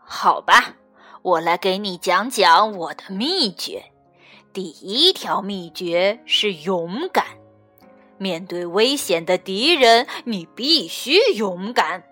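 A woman voicing a wise, kindly old male toad grandpa who slowly explains his secrets in a storybook tale. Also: mid-range voice, animated, pushed and bright, faint music behind, pitched below the performer's own voice, full character voice. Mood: wise, patient.

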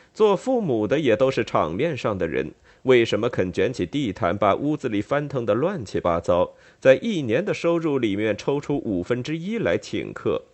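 A man narrating a classic novel as an audiobook, in an expressive, wry storytelling manner. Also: medium pitch. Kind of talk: scripted narration.

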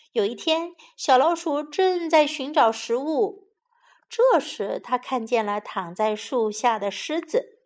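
A woman teacher tells a story to young children, slow and gentle. Her voice sits a little high, and she speaks at an unhurried pace. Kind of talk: bilingual children's story narration.

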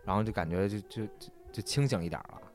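A man's voice: fairly low pitch, fast, darkish tone, soft background music. A young man telling a drinking story in casual podcast chat, swearing often and laughing through his punchlines.

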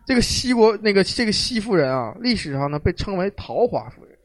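A man's voice: sits high, a little fast, no room sound. Joking storyteller man. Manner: lively, joking, colloquial storyteller. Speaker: podcast host telling history. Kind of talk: casual storytelling chat.

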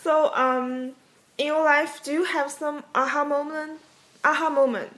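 A woman's voice: high voice, steady tone, a little slow, fairly bright tone. A woman with a Chinese accent hosting a casual, conversational interview. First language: Mandarin Chinese.

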